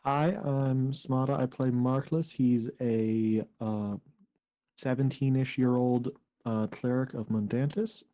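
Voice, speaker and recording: A tabletop game player speaking in a matter-of-fact, deadpan way. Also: medium pitch, slow pace. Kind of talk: casual table chat.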